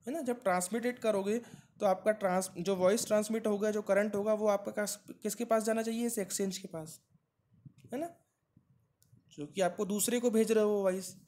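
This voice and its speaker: A man's voice: high voice, steady tone, normal speed, darkish tone. A man teaching an exam-prep lesson, explaining step by step and answering his own questions, with frequent "right?" checks.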